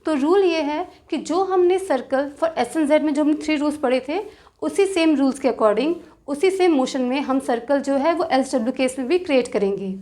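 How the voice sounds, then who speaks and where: A woman teaching shorthand step by step, patiently repeating rules and slowly drawing out example words, with terms. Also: high-pitched, mellow. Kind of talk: step-by-step tutorial explanation.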